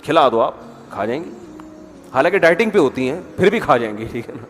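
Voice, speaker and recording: A man's voice: medium pitch, expressive, a little hiss or hum. A man giving a sermon in a conversational style, full of rhetorical questions and little impressions of people. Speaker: preacher. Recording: echoey hall with faint music.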